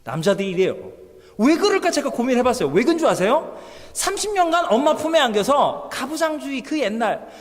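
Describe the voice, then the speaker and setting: High-voiced animated male pastor preaching. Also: brisk. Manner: animated, voices characters in quotes, swings from loud to soft. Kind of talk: lively sermon with acted-out quotes. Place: church hall. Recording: long church hall reverb.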